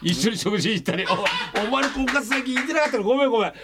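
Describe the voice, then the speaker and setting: A man's voice: very high-pitched, expressive, fast talker, very noisy. A man in his forties co-hosting a comedy radio show, reading listener mail and teasing his partner. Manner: teasing, reads listener mail, breaks into laughter.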